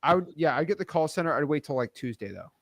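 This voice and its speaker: A man's voice: on the high side, lively intonation, quick pace, a bit bright. A man coaching over an online call, bluntly and casually, his words cutting off as the connection drops out. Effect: choppy call audio, words cutting off. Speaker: wholesale real estate coach.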